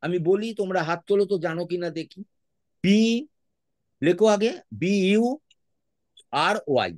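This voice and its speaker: A man's voice: high voice, moderate pace, no echo. A man with a Bengali accent teaching an online class, patiently spelling words out letter by letter and mixing English into his speech.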